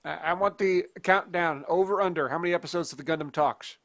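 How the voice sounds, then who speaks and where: A man's voice: a little high, vocal fry, a bit bright, no echo. Dry-sounding man, emphatic podcast co-host. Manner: emphatic, joking, quick to laugh. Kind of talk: casual chat.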